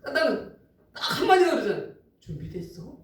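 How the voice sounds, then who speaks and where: Pastor, male, emphatic sermon storyteller, high voice, heard from a distance. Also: big pitch swings, normal speed. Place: church sanctuary. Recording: echoey hall, distant mic.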